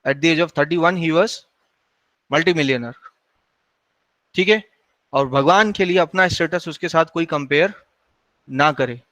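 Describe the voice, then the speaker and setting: Male lecturer, slightly high voice, slow and deliberate, dry sound, lecturing students in class. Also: fairly bright tone, dry recording, low-quality recording. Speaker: university lecturer. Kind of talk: classroom lecture in mixed Hindi and English.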